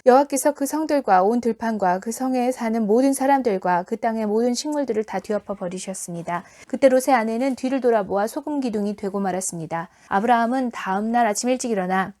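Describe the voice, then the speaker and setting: A woman, a mother, reading scripture aloud in a steady, plain narrating voice. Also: a little high, fast, few pauses.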